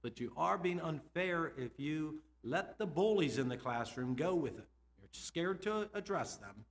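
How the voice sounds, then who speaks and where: A middle-aged man, a school administrator, giving a lively conference talk to teachers, asking them questions and laughing between points. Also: fairly high pitch, measured pace. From United States.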